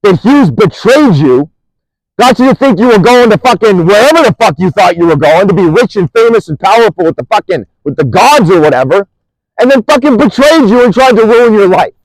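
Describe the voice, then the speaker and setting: A man's voice: high voice, animated, a little fast, no room sound, rough recording. A man delivering an angry, profane monologue, accusing and rambling, restarting sentences as he goes.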